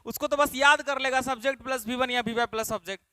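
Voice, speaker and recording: Male classroom teacher, high and bright, emphatic drilling delivery, dry close sound. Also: steady tone, clean tone, no echo. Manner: repeats questions to drill students; emphatic, stretches key words slowly. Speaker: English teacher. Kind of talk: classroom lesson in Hindi.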